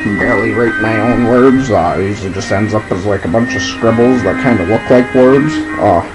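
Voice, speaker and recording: A drunk man rambling casually and haltingly as he presents and reads out a poem, drawing words out and losing his thread. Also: lowish voice, over loud music, low-quality recording.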